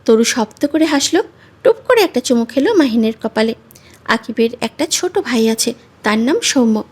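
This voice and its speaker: A woman with a high voice reads a romantic story aloud in a measured, expressive way. Her scripted narration moves steadily from scene to scene. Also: breathy edge.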